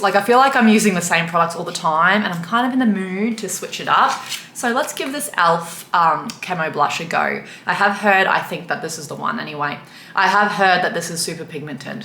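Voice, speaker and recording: A woman's voice: fairly low pitch, bright, forceful tone, slight background noise. A young Australian woman chatting candidly while doing her makeup, getting emotional at times. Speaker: beauty vlogger. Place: indoor room with a mirror. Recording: echoey room.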